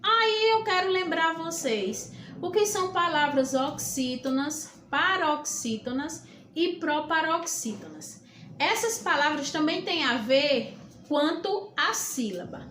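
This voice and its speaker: A woman teacher with a Brazilian accent gives a lesson, speaking slowly and deliberately and spelling out word endings letter by letter. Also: high voice, animated, pushed and bright. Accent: Brazilian Portuguese. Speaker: school teacher. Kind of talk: recorded classroom lesson. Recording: roomy echo with faint background hum.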